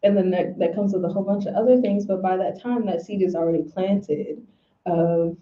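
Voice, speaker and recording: A woman's voice: medium pitch, steady tone, a little fast. Woman, casual spiritual chat, candid storytelling, slang, roomy echo, dull lo-fi sound.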